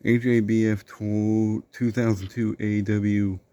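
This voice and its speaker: A man's voice: on the low side, flat delivery, takes it slowly, mellow, no echo. A man hosting a casual unboxing video, rambling with dry, sarcastic asides about the product. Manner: rambling, with fillers and self-corrections. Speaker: host of a product unboxing show.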